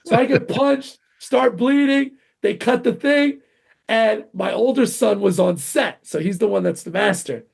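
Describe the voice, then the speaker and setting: A middle-aged man, a martial arts grandmaster, telling animated stories in an interview, acting out quotes with sudden jumps in pitch. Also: unhurried, creaky, husky. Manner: excitable, acts out quotes with big pitch jumps.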